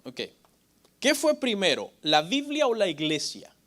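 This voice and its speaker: A man's voice: high-pitched, very animated, unhurried, a bit bright. A male pastor giving a Bible teaching lecture, asking his listeners questions and answering them himself, often adding "ok?" and "brother". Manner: often adds "hermano" and "ok?".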